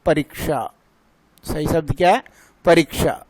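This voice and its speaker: A man teaching a grammar lesson in a slow, deliberate voice that sounds crisp and resonant. His pitch sits high for a man. He asks a question and answers it himself to drill each point, recorded dry and close. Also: fairly even intonation, dry recording, poor audio.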